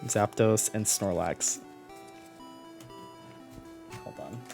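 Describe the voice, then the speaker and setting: A man's voice: fairly low pitch, very slow, creaky, a little mellow, soft background music. A man chatting casually on a live stream, playful and laughing often as he toys with how words sound. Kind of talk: casual live-stream chat while opening cards.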